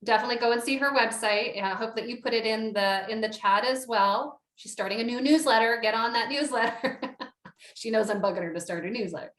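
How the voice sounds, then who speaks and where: Speaking fairly quickly in a slightly high, somewhat bright voice, a Canadian event host keeps her virtual networking session chatty and encouraging. The video-call audio picks up an echoey room.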